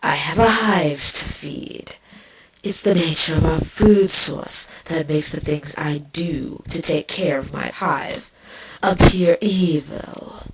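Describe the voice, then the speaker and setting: Haughty, slow-talking villain queen, low voice. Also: background noise. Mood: defensive, indignant. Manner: haughty, slow, drawn-out delivery. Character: villainous changeling insect queen, proud, bitter and defensive. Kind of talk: fan fiction voice acting.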